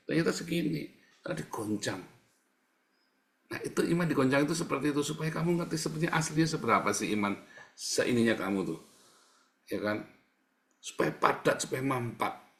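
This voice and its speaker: A man preaching a sermon, mid-pitched and casual. He jokes with the congregation and speaks to them directly, as if in easy conversation. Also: fairly bright tone. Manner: joking, conversational, addressing the congregation. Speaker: pastor.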